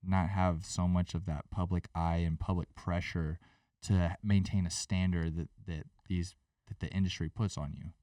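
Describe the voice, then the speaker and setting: A man's voice: low voice, level tone, normal speed, dark tone, no echo, recorded from a distance. A man co-hosting a trading podcast, speaking earnestly and giving the listeners advice. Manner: earnest, preachy, addresses the audience. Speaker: podcast co-host. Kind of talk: podcast conversation.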